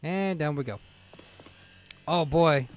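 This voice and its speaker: A man's voice: fairly high pitch, slow pace. A man doing casual, jokey playthrough commentary, reacting to a video game as he plays. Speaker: gaming video host.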